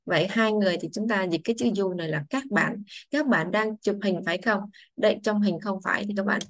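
A woman English teacher, patiently explaining grammar to children, saying English phrases slowly before translating them. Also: mid-range voice, no echo.

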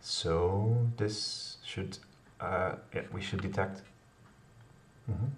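Very slowly and in a deep voice, a middle-aged programmer thinks aloud as he live-codes a kata from his home office, hesitant and full of fillers and self-corrections. Keyboard typing and clicks sit in the background, and the distant-sounding recording carries clear noise.

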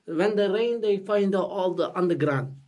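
A man's voice: sits high, a little mellow, low-quality recording. Man guiding a tour in broken English. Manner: broken English, short phrases, halting with fillers. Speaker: local tour guide. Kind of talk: guided tour explanation. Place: outdoors and inside a mud-brick house.

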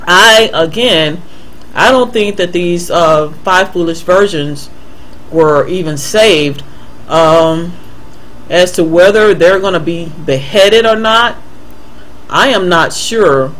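A man earnestly explaining Bible passages in a voice-over, answering a viewer's email and pausing often with fillers and restarts. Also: high-pitched, a bit bright, low-quality recording. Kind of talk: unscripted Bible commentary voice-over.

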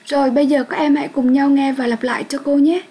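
A woman's voice: high voice, level tone, quick pace, crowd noise, rough recording. A young woman teaching an English lesson in two languages, patiently explaining to pupils and checking they follow. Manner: patient, addresses pupils warmly and checks understanding.

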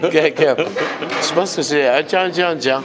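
A man's voice: on the high side, normal speed. A man in his thirties, a chef, chatting and joking casually at a restaurant table. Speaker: chef, guest. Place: busy restaurant. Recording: off-mic with background music and crowd.

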